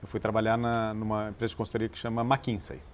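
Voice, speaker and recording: A man born in Chile, an interview guest and nonprofit founder, telling his story in a measured, explanatory way with some hesitations. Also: on the low side, monotone. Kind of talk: relaxed conversational storytelling.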